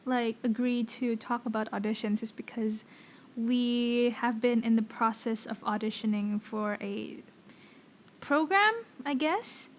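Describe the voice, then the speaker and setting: Her voice strained from singing and fading, a young podcast co-host chats casually, peppering her speech with "like." She sounds fairly high-pitched and unhurried, over a little hiss or hum.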